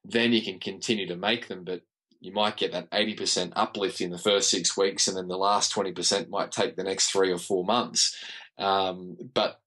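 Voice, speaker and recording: An Australian man with a croaky, frog-in-the-throat voice, explaining conversationally as a podcast guest. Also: low-pitched, fairly even intonation, normal speed, bright, forceful tone, poor audio. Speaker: podcast guest, running physiotherapist.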